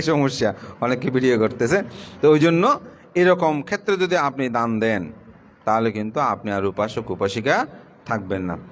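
A middle-aged Buddhist monk delivering a sermon to lay followers in a plain, conversational way, his voice sinking low as he finishes each point. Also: slight background noise. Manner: plain conversational preaching, pitch drops at the end of points.

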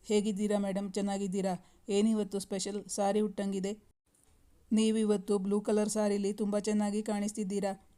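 A busy young husband from a storybook reading talks gently and reassuringly, voiced by a woman narrator. The delivery stays almost monotone, with a soft, mellow tone. He sounds affectionate and patient. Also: medium pitch, moderate pace, close to an everyday voice. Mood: teasing.

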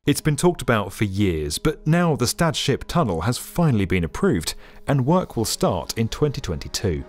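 A man narrating a scripted documentary in a lively, upbeat explainer manner. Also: medium pitch, normal speed. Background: faint background music.

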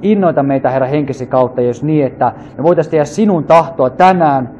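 Man, fervent free prayer, repeated invocations, slightly high mellow voice. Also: slight background noise. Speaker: prayer leader.

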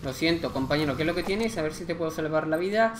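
A man's voice: on the high side, quick pace, echoey room, a little hiss or hum. Chatty Spanish man with game commentary. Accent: Spain. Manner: chatty, excitable, slangy. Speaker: gameplay commentator. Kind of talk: casual gameplay commentary.

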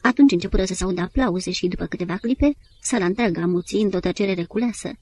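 A woman narrating an audiobook in a measured storytelling manner. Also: fairly low pitch, a little mellow. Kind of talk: scripted literary narration.

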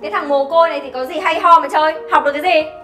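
High-voiced scolding mother. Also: very fast. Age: young adult. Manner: scolding, sharp and insulting. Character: harsh young mother who berates an orphan boy. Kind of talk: scripted web sitcom acting. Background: background music.

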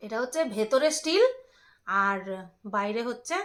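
A woman's voice: fairly high pitch, animated, moderate pace. A woman, chatting casually as she unboxes items and teases her husband. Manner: teasing, bickering with her husband. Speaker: vlogger. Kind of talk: casual home vlog, unboxing.

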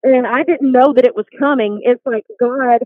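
Calling in as a guest, a woman who works at a boutique shop tells her faith story in a chatty, casual way, saying "like" constantly. Her voice sits high at a moderate pace, heard over a tinny, dry phone line with no room sound.

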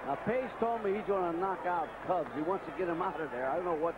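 A man's voice: sits high, fast talker. Male boxing colour commentator, informal and conversational, dull broadcast audio with heavy arena noise. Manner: informal, folksy phrasing. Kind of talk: conversational live sports analysis.

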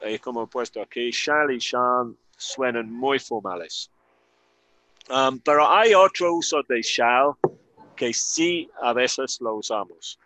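A man's voice: medium pitch, sharp tone, no echo. A man teaching an online language lesson, explaining grammar patiently and carefully. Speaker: English teacher.

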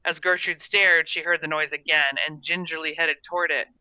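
A woman reading her own short story aloud in an expressive storybook narration, on a dull, dry recording. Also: low voice, normal speed, no room sound.

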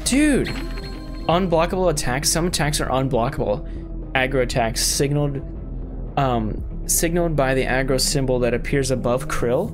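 A man's voice: mid-range voice, normal speed. A young man giving casual, exclamatory let's-play commentary as a gaming host. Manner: excitable, exclamatory. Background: game music.

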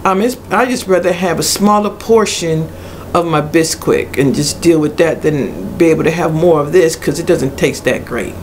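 A middle-aged woman giving a blunt, casual product review in a hesitant way with many pauses. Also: sits low. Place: small cluttered room indoors. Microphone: webcam at arm's length. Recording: noisy webcam recording with room ambience.

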